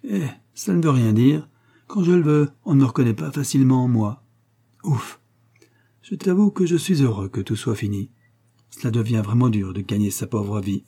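A man's voice: medium pitch, animated, moderate pace, mellow, breathy edge. A man voicing a smug, cunning male swindler in a read-aloud story, boastful and self-satisfied in a raised voice.

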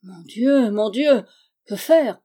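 A woman voicing a frantic, desperate bearded man who talks loudly. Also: mid-range voice, moderate pace, natural voice. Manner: loud and desperate.

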